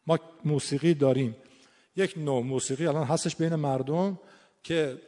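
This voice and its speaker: A man with a fairly high-pitched voice talks in an earnest, explanatory way, weaving recited Arabic verses into his points. His voice carries a long reverb tail, as if he is speaking in a large hall. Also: mellow. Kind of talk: conversational explanatory talk.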